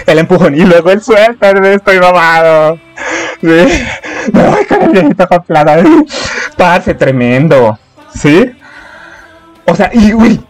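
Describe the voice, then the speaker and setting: A man with a Colombian accent hosting a reaction video, talking excitedly and exclaiming at his viewers. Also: high-pitched. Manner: animated, exclamatory, chatty with viewers.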